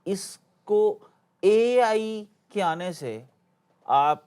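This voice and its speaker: A male podcast host with a slightly high voice puts brisk, prompting questions to his guest. He keeps the conversation moving with quick follow-ups. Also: clear, resonant tone. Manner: prompting, lively questions, short backchannel hums. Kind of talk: interview questions.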